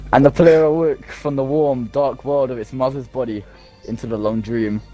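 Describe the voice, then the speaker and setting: A man's voice: mid-range voice, slow, a little mellow, soft background music, low-quality recording. A man casually reading game text aloud over voice chat, joking and swearing between lines. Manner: joking, reads aloud with laughs and profanity. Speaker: gamer reading the game's ending aloud.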